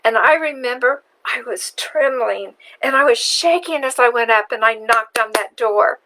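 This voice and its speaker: A woman hosting a marketing video, slowly and deliberately telling a personal story. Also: a little high, bright, forceful tone, poor audio. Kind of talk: storytelling vlog.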